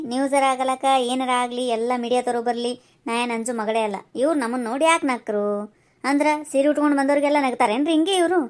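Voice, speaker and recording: A woman's voice: high-pitched, darkish tone, lightly acted. A woman voicing a fiery village woman with a North Karnataka accent. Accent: North Karnataka Kannada. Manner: scolding, rapid and combative. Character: brash rural village woman, middle-aged, quick-tempered. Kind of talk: cartoon voice acting.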